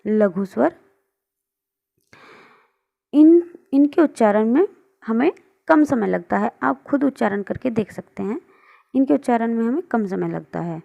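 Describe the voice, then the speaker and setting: A woman teaches a grammar lesson over a screen recording, her fairly high voice gravelly and mellow. She patiently asks questions and then answers them herself. The sound is dull and lo-fi. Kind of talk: online lesson explaining on screen.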